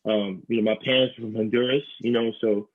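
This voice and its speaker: A young adult man from New York hosts a podcast conversation, speaking earnestly and saying "you know" often. His voice is lowish, fairly even in intonation and a little fast, heard over a tinny, phone-like line.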